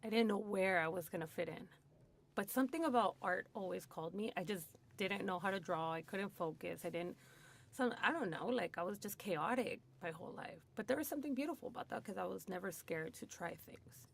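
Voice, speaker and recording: In a radio studio, a guest in recovery from Hollywood, USA, recounts her story openly and casually, full of "like" and "you know," and laughs often. Her medium-pitched voice is gravelly and a little fast, with lively intonation.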